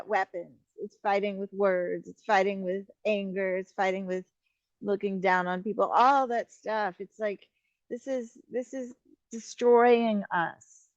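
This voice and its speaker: A woman's voice: mid-range voice, darkish tone, dry recording. A woman talks frankly with a friend over a call, her voice coming through dull and muffled with no room sound at all. She hesitates, restarts, then lands her points with emphasis. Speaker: friend guest. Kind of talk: casual chat.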